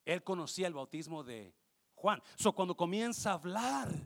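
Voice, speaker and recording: A male pastor, preaching a passionate sermon that swings from quiet explanation to shouting, with English words mixed in. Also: high-pitched, very animated, moderate pace, gravelly.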